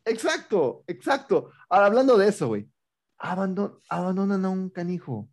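A man with a Mexican accent co-hosts a movie review show, launching into slangy, incredulous rants during a casual, funny chat. His voice is high-pitched and sing-song, at a moderate pace.

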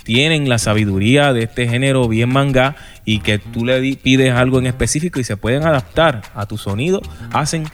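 A man's voice: mid-range voice, moderate pace, faint music behind. Emphatic male salsa show host. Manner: emphatic, praising, finishes the guest's sentences. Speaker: interview host.

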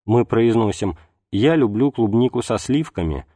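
Mellow-voiced man reading a religious text. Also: medium pitch, lively intonation, moderate pace, no echo. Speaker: audiobook reader. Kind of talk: scripted narration of a religious text.

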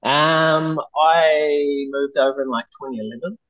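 Kiwi guy with a thick nz accent chatting in an interview, pretty flat pitch, laid back and halting, bit muffled recording. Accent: broad New Zealand. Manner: laid-back, hesitant, informal phrasing. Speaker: interview guest, mural artist. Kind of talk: casual interview chat.

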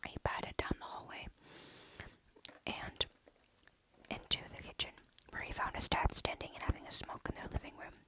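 A storyteller reading a dark horror story aloud in a steady, hushed whisper. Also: normal speed, pauses often.

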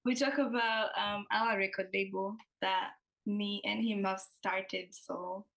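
A young woman from Tanzania, a student and podcast guest, talking in a relaxed, giggly way. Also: mid-range voice, takes it slowly, vocal fry, background noise. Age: young adult. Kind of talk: interview conversation.

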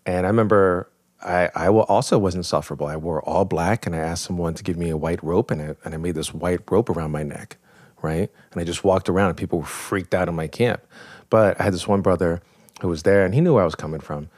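A low-pitched man in his forties, from New York, recounts his past as a podcast guest. His telling is vivid and self-mocking, and the sound is dry and close. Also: fast, a little mellow, no room sound. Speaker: guest, professor. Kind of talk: storytelling in a podcast interview.

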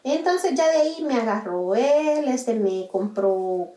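A woman with a Guatemalan accent gives a personal testimony in an animated retelling, acting out the people she quotes. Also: a little high, slow pace, echoey room. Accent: Guatemalan Spanish. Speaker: interviewee.

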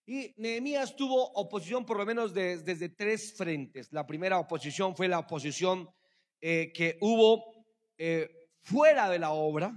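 A man delivers a sermon in a bright, high voice, addressing the congregation directly. His delivery is animated, with quiet stretches that build into loud calls. The sound carries a long reverb from a church hall. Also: measured pace. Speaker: preacher.

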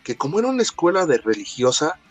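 Slangy, animated Mexican man. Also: fairly high pitch, fast, faint music behind. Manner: animated, slangy, acts out quotes. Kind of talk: casual storytelling chat.

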